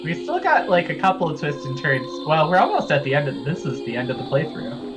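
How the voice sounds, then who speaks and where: A man's voice: fairly high pitch, sing-song, a little fast. A man chatting casually as co-commentator on a video game playthrough. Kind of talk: casual chat over gameplay. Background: game music.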